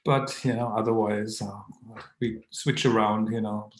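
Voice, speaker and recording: A man's voice: lowish voice, steady tone, a little slow, echoey room, background noise. A man hosting a casual live online Q&A. He reads viewer comments aloud, greets people by name, and chuckles often.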